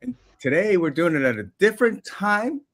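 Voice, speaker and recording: A man's voice: high voice, big pitch swings, normal speed, fairly bright tone. Playful, teasing male podcast host. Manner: playful, teasing, laughs a lot. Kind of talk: casual video-podcast hosting.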